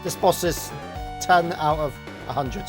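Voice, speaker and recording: A man's voice: fairly high pitch, unhurried. A man hosting a live game stream, playing and reacting playfully in casual chat. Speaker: stream host playing the games. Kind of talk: casual chat over gameplay. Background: game music.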